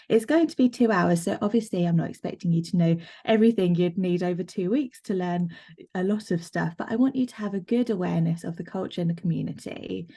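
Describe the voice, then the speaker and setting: A woman interpreting a live presentation aloud over a video call, plain and explanatory, in halting phrases. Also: lowish voice, dark tone. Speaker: sign language interpreter voicing a presenter.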